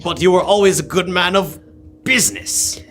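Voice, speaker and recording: A man's voice: sits high, expressive, moderate pace, fairly bright tone, faint music behind. A young man acting a grumpy, fearful old miserly businessman in an old-time radio drama. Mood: uneasy. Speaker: student actor.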